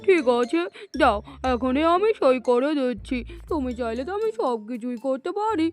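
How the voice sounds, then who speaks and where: A woman's voice: high-pitched, animated, normal speed. A woman voicing a foolish, lovesick old male landlord in a cartoon, pleading and dreamy. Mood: fretful. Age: middle-aged. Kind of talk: cartoon voice acting. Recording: faint music underneath.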